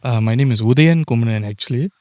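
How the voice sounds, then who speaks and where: A man's voice: medium pitch, fast, warm tone, no echo, studio quality. A man in his thirties with a Singaporean English accent, a podcast guest talking casually and joking at his own expense. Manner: laid-back, self-deprecating joker. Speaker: podcast guest, audio engineer. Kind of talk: casual chat.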